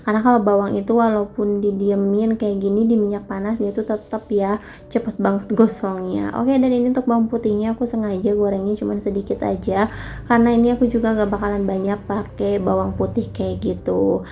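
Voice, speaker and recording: A young woman talking casually through her home cooking, full of fillers, speaking in a kitchen. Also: fairly quick. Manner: chatty, relaxed, many fillers and tag phrases. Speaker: vlogger. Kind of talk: casual cooking vlog narration. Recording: faint background noise and rumble.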